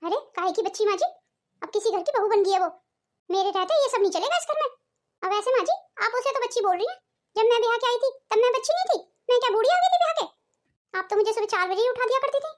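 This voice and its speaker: A woman's voice: very high voice, animated, quick pace. A woman voicing a strict, proud middle-aged mother-in-law in a cartoon, scolding and nagging, with faint music behind.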